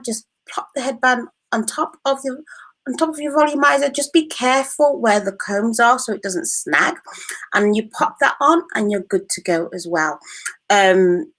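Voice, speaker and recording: A woman with a British accent presenting a casual hair-care tutorial, talking in a calm, reassuring way with many "you know"s. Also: a little high. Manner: reassuring, repetitive, uses fillers like "you know".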